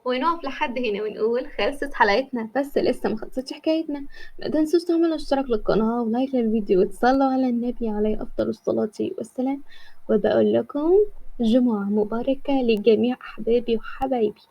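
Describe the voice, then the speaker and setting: A woman's voice: on the high side, fast, a little mellow. A woman with an Egyptian accent narrating a serial story and addressing her listeners. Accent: Egyptian Arabic.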